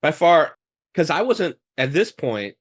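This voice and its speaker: A man's voice: fairly high pitch, very animated, a little slow. A man guesting on a podcast, talking about a band in an enthusiastic, rambling way. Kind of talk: casual chat about music.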